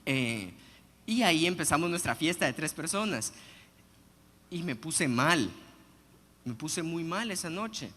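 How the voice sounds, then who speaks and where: Animated preacher in reverberant hall. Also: male voice, on the high side, unhurried, long pauses. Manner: animated, humorous storytelling. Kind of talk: sermon with personal storytelling. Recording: long hall reverb, faint background noise.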